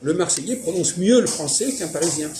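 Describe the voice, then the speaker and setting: A man's voice: fairly high pitch, lively intonation, brisk, background noise. A man hosting a casual philosophical chat, asking questions and pushing back insistently while explaining his view. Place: fast-food restaurant. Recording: loud music playing behind.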